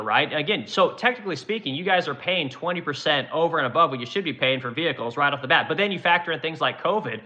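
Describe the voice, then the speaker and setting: This fairly high, sharp-toned voice belongs to a fortysomething woodworking business owner. He's on a livestream, casually fielding live chat questions with rambling, profane bluntness.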